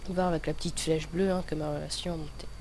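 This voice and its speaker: A man's voice: fairly high pitch, level tone, fast talker, a little mellow. A young man talks casually through a game as he plays, with a lisp that turns his s sounds slushy. He hesitates, rambles and often corrects himself. There is noticeable noise behind his voice. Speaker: gaming video host. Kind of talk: casual gameplay commentary.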